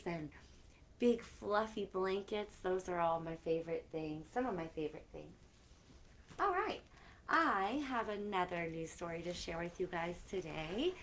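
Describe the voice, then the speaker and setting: A woman with a medium-pitched voice hosts a children's library story time, reading picture books aloud expressively and adding chatty asides. It's a noisy live-stream recording.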